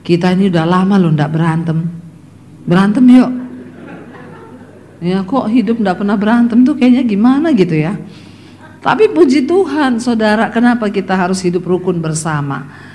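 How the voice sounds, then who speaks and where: A middle-aged woman preaching a sermon, telling lively stories about her family and acting out their voices as she addresses the congregation. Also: medium pitch. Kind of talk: sermon with personal anecdotes.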